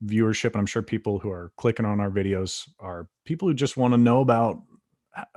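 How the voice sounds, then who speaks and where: A man's voice: on the low side, a little fast, a little mellow, no room sound, clean studio sound. A man co-hosting a casual chat about acting, talking in a laid-back, easygoing way with plenty of fillers. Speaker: co-host.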